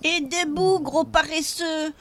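A man voicing a small trusting girl in a storybook, with a high childlike squeal. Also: steady tone, slow, pushed and bright, a little hiss or hum, exaggerated voice. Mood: cheerful. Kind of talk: storybook character voice.

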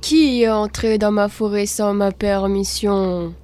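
A woman voicing a possessive forest spirit in panther form in a storybook, slow and menacing. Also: mid-range voice, fairly even intonation, a little mellow, close to an everyday voice. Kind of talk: storybook character voice.

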